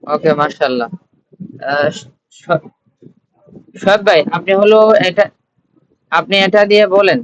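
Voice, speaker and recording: A man's voice: high-pitched, unhurried, long pauses, slight background noise. A man teaching a live online spoken English class, reading verb forms aloud in repeated drills. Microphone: computer or phone mic on a video call. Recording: dull dry online call audio.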